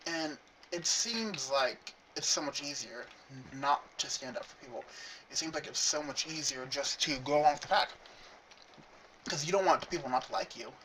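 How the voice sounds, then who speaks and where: A man's voice: medium pitch, pushed and bright. A young man with a lisp, vlogging in a rambling, earnest way with self-mocking asides, from a room at his gaming computer. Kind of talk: casual confessional monologue. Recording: dull, distant mic with faint hiss.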